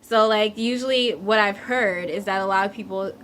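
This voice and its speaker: A woman in her twenties from Central New Jersey with a light local accent, chatting playfully about herself in a casual vlog, laughing often and filling pauses with ums. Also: medium pitch, a bit bright, a little hiss or hum. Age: 20s. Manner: says she is shy. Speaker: vlogger. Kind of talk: casual chat answering tag questions.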